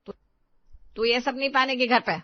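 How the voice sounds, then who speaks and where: A woman voices a domineering middle-aged mother-in-law in a storybook tale, barking orders loudly in a high-pitched voice and scolding without any warmth. Her intonation is fairly even, her speed normal, and her voice natural. The sound is close, dry and a little dull, with no room sound.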